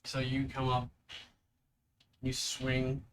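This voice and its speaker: A man runs a tabletop game as its game master. He tells the story slowly and deliberately in a level tone, pausing for drama. There is clear noise behind him. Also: medium pitch, monotone, a bit bright. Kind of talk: narrating a tabletop role-playing game.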